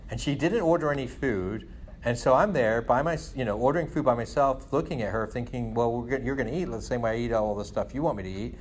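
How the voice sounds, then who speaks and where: Here a middle-aged English-born man of Guyanese-Indian parentage rambles casually, venting and relying heavily on "you know" and "like." His voice sits in the mid range, and there's slight background noise.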